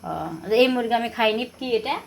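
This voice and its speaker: A woman's voice: a little high, lively intonation, normal speed, gravelly, slight background noise. A woman with a Rajshahi Bengali accent vlogging at home, telling viewers about a quarrel and repeatedly asking them whether she was wrong. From Bangladesh. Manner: aggrieved, repetitive, asks viewers to judge. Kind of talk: casual home vlog, talking to viewers.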